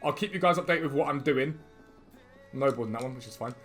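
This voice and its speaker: A gaming YouTuber hosts a casual, chatty video, talking informally and straight to his viewers with faint music behind him. His mid-range voice has a fairly bright tone and a quick pace, and he can't pronounce his R's properly, so they come out like w.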